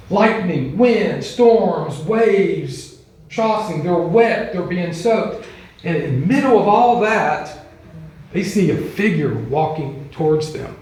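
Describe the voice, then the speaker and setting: A man leads a Bible class, talking slowly in a loose, chatty way that is full of ums and small acted-out quotes. His voice sits a little high for a man, and the room around him rings with echo. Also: a little mellow. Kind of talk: casual Bible class teaching. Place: church classroom. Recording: echoey room.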